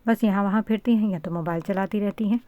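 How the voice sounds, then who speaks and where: Storybook: woman reading bossy sister-in-law, brisk and chiding. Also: medium pitch, steady tone, warm tone, dry recording, natural voice. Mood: disapproving. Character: bossy older sister-in-law, kind but blunt.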